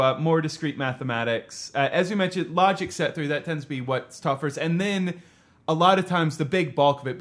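A man's voice: a little high, fairly bright tone. A man co-hosting a casual math podcast, explaining at length, teasing the others and laughing often. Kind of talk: casual panel chat about math.

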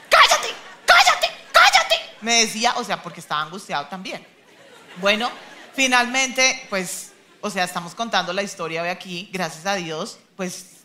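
A woman, a mother, telling a testimony at church in an animated way, laughing at herself. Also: medium pitch.

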